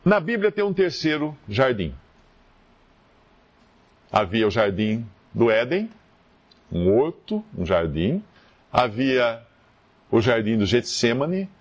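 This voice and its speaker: Male Bible teacher, very lively intonation, reads scripture with feeling. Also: medium pitch, slow, pauses often, lo-fi sound.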